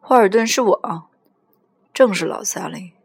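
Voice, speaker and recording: A woman voicing a teenage girl on a late phone call, brisk and impatient. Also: medium pitch, gravelly, husky, no room sound.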